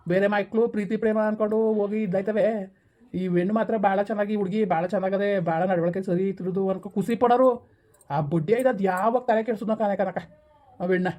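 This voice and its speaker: A woman playing a stern village woman who scolds and hushes her relatives in a family skit. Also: medium pitch, close to an everyday voice. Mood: indignant. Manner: scolding, hushing others, rapid-fire.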